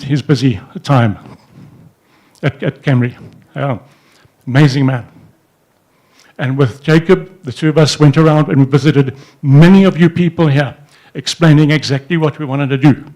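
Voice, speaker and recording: On the high side with a darkish tone, his voice moves at a moderate pace and pauses often. An older entrepreneur at a society event, he tells stories informally to an audience in an indoor room before a banner, speaking into a handheld mic, gesturing with his free hand, and rambling with many restarts and fillers.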